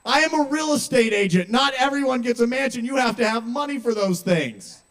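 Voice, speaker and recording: A man doing a shrill, entitled realtor lady. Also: very animated, unhurried. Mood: indignant. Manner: outraged, squealing complaints.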